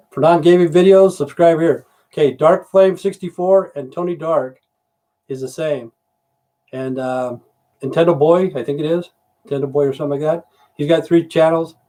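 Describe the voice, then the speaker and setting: A middle-aged man from Idaho, USA hosts a laid-back livestream, rambling, swearing and repeatedly filling gaps with "you know." He has a warm, mid-range voice.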